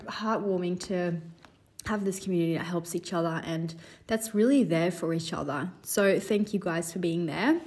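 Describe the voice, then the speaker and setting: Her medium-pitched voice carries a touch of congestion from a cold she's recovering from. She's a woman in her twenties on a casual solo podcast, warm and earnest, wandering through her thoughts with lots of "you know" fillers.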